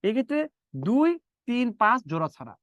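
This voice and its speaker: A man's voice: very high voice, big pitch swings, fairly quick, a bit bright, no echo, lo-fi sound. A man teaching math in a live online lecture, repeating steps and quizzing his students as he works through sums.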